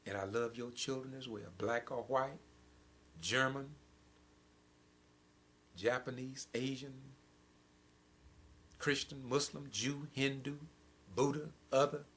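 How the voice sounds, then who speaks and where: Older host, preachy and emphatic, mid-range voice. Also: male voice, medium pitch, fairly even intonation, slow, long pauses, a bit bright, a little hiss or hum. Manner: preachy, emphatic, rising and falling intensity. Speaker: program host. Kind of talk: impassioned spoken commentary.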